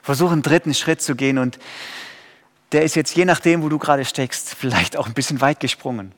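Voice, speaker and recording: A man preaching a sermon, dropping to quiet and rising to loud pleading cries. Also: medium pitch, brisk, big-room sound.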